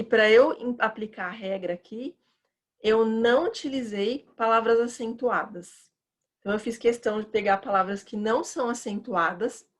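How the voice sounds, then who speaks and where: A woman with a chatty, opinionated manner, teaching teachers in an educational video and stretching words out as she demonstrates them. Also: fairly high pitch. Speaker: teacher trainer.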